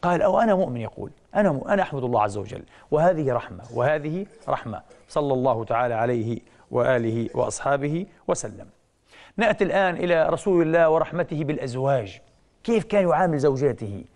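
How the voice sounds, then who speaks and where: A man giving a religious lecture, telling stories with sudden rises and hushed drops, asking questions he answers himself and often saying "aah". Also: mid-range voice, sing-song, very fast. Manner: punctuates with frequent "aah". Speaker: preacher.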